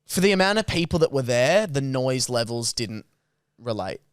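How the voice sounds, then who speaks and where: A man's voice: medium pitch, sing-song, normal speed, clear, resonant tone, no echo, clean studio sound. Blunt Australian man with slangy lad talk. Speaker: podcast host. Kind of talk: casual chat.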